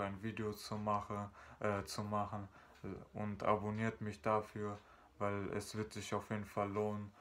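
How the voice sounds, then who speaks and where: A young YouTuber from North Rhine-Westphalia, Germany, vlogs casually to his webcam in a small room, rambling with plenty of fillers and restarts. His voice is on the low side with a fairly bright tone.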